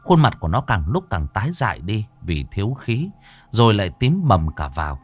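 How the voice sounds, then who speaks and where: A man narrating a horror story in a slow, expressive, dramatic manner. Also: on the low side, soft background music.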